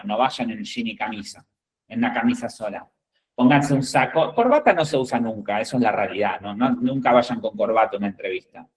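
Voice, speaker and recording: Un hombre con acento argentino, reclutador de ejecutivos, da una charla instructiva a candidatos con tono directo y enfático, y comprueba a menudo con "¿bien?" que le siguen. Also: male voice, mid-range voice, rough recording. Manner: direct, emphatic, checks in with "¿bien?" and "¿ok?". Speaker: executive recruiter. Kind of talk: instructive talk to job candidates.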